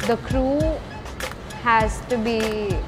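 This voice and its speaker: A woman's voice: on the high side, fairly even intonation, extremely slow. A young adult woman, a breakdancer, speaking earnestly and with determination in a documentary interview. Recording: hip-hop music playing underneath.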